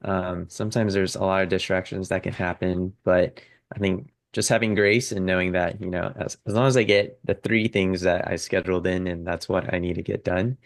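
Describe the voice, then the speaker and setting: Man participant, very deep and gravelly, measured, dry close sound. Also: steady tone, no room sound. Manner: measured, clears his throat. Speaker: class participant.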